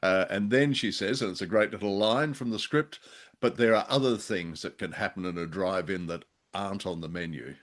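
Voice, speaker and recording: This low-pitched man talks at a normal speed as a podcast co-host on a conversational show about old radio drama. His delivery is hesitant, with a wry sense of humour.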